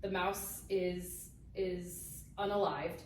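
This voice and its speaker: A woman co-hosting a casual podcast, telling an animated story, acting out quotes and laughing often. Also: on the low side, takes it slowly. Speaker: podcast co-host. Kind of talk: casual chat. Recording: roomy, distant mic, faint hiss.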